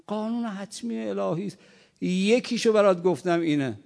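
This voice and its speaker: A man preaching a sermon, moving from quiet, plain talk to loud, impassioned cries. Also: high-pitched, gravelly. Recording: long hall reverb.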